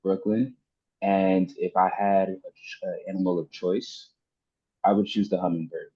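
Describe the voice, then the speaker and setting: A man from New York with a deep, husky voice gives a polite, formal introduction. The call audio is somewhat dull. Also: fairly even intonation, normal speed, mellow. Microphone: video call.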